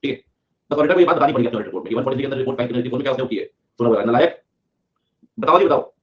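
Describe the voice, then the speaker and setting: A man teaching a live class online, moving between explanation and quick repetition of key points. His pitch sits in an ordinary middle range. The audio has a slightly dull, lo-fi quality. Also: animated. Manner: repetitive, drills points, reads student comments aloud.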